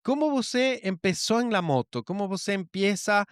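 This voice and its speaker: A man hosting a travel podcast, lively and mixing Spanish with Portuguese as he interviews a guest. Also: high voice, normal speed, clear, resonant tone, dry recording, studio quality. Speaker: podcast host.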